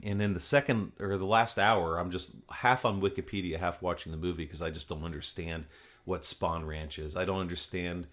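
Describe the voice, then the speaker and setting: Male podcast host, very low pitch, casual, conversational, halting at times, joking. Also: fairly even intonation, a bit bright.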